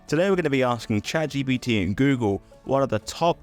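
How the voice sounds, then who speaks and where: A man's voice: mid-range voice, animated, quick pace, soft background music. A man in his twenties, from the UK and raised in Australia, chatting in a crude, sarcastic comedic vlog. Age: 20s. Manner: crude, sarcastic, swears freely. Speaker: YouTuber.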